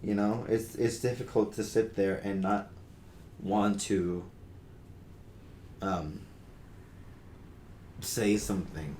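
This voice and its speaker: Speaking slowly with long pauses, a young male podcast co-host keeps a steady, mellow tone at a fairly low pitch. His casual, earnest talk is packed with fillers and restarts. Faint noise sits in a roomy-sounding recording.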